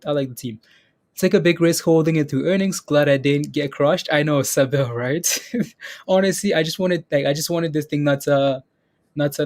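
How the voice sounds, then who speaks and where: Here the stock-stream host sounds slightly high-pitched with a darkish tone. His market talk is casual and chatty, full of repeated phrases, viewer names read from the chat, and frequent laughter.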